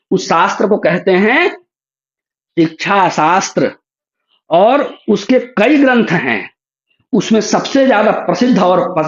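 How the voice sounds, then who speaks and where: A man teaching an online class, patiently explaining and drawing out sounds slowly to demonstrate them. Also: sits high. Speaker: Sanskrit teacher. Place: online group call. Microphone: video call. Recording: roomy, dull lo-fi call audio.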